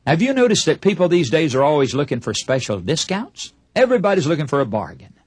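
A man's voice: a little high, very animated, quick pace, husky, no room sound. A man preaching a broadcast Bible sermon, emphatic and putting rhetorical questions to his listeners. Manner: acts out short imagined dialogues. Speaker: radio preacher.

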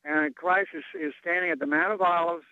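Male radio show caller on a tinny phone line, halting speech, slightly high voice, dry sound. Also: clean tone, no room sound. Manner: halting, searching for words. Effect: phone line call-in voice. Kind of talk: call-in question to a Bible talk show. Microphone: telephone.

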